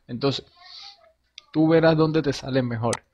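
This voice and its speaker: A man's mellow, medium-pitched voice moves at a measured pace as he narrates a screen-recorded tutorial for a crypto game, talking viewers through the on-screen play in an informal, slangy style. The audio is dull and lo-fi, carrying a faint hiss.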